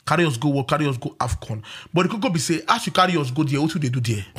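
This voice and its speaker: Male Nigerian football pundit, Pidgin speaker, animated and forceful, repetitive, quick to interrupt. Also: on the high side, husky.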